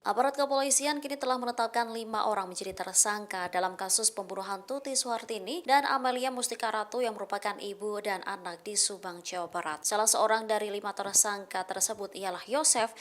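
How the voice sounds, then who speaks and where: A woman's voice: mid-range voice, brisk, few pauses, a bit bright. A woman reading a scripted news voice-over as narrator, in formal sentences.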